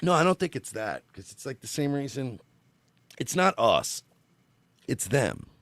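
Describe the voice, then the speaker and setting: A man's voice: medium pitch, very animated, a little slow, fairly bright tone, no room sound. A man co-hosting a podcast, talking in crude, mocking banter and laughing often. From United States. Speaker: podcast co-host. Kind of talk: casual banter.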